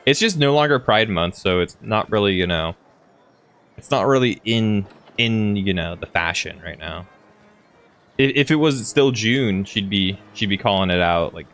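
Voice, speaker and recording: A man's voice: low voice, a bit bright. Rambling young man streaming a game. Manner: casual, swears, rambling with lots of "like". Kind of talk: live gaming commentary. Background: faint game music.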